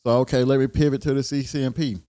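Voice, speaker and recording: A man hosting his own show, giving relaxed, conversational career advice with a regional American accent and plenty of repetition. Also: medium pitch, fast talker. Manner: relaxed, conversational, repeats himself. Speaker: host. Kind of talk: casual career advice talk.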